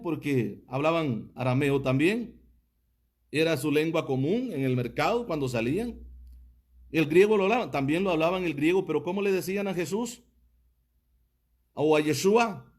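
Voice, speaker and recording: Pastor with a higher voice. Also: male voice. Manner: asks the audience many rhetorical questions; reads out viewer comments. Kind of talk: livestreamed teaching sermon.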